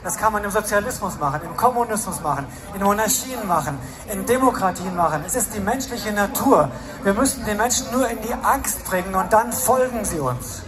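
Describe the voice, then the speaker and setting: A man interpreting a speech at an outdoor rally phrase by phrase, in a brisk, paraphrasing delivery. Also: high voice, expressive. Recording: crowd and street noise at outdoor rally.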